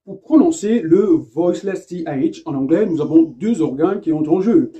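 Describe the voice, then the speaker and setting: Male English teacher, high-ish but very mellow voice, drawls out model words and repeats them, lo-fi sound. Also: animated. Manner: slow, drawn-out model words, repeated for practice; self-mocking, lightly humorous asides. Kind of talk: video lesson explaining in French with English examples. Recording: dull lo-fi sound.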